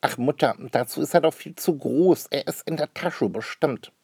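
A man's voice: on the high side, normal speed, creaky, mellow, husky, no room sound, clean studio sound, pitched above the performer's own voice. A man doing a cheeky little boy. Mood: stubborn. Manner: defiant, secretive.

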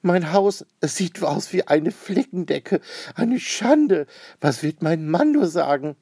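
A man voicing an upset wealthy lady who owns the house, wailing in a high, drawn-out voice. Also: expressive, darkish tone, no echo, clean studio sound, close to an everyday voice. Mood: shrill dismay.

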